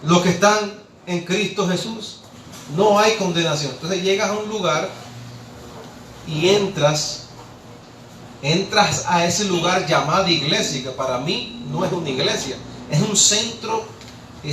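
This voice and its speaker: A man's voice: high voice, measured pace, a bit bright, a little hiss or hum. A man preaching a sermon, impassioned, rhetorical and scolding. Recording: echoey room, distant mic, faint ambience.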